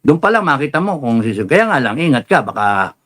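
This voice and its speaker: A man's voice: mid-range voice, very animated, fairly quick, fairly bright tone. A man with a Filipino accent giving casual political commentary, rambling and mixing Tagalog with English, with chuckles between his points.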